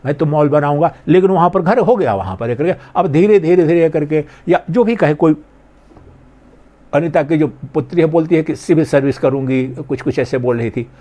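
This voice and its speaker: High-voiced man giving a spiritual discourse. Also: normal speed. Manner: conversational, acts out imagined speakers with a lower, softer voice. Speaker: swami giving a Gita discourse.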